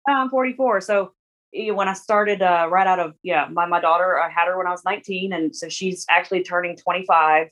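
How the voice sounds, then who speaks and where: A woman's voice: fairly low pitch, brisk, a bit bright. A woman in her forties, a guest in a casual interview, talking in a rambling way with many restarts and fillers. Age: 40s.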